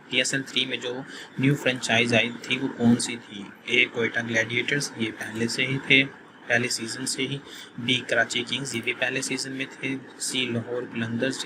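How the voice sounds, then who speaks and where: A man, a quiz tutor who reads questions slowly and then explains the answers in a plain conversational tone. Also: mid-range voice, noisy background. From Pakistan.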